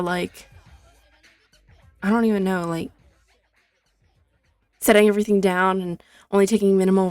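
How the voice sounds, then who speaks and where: Chatty young woman with a gravelly edge. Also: medium pitch, dry recording, clean studio sound. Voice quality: clear, careful enunciation. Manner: chatty, tangent-prone, self-deprecating. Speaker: gaming streamer. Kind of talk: casual rambling commentary while playing.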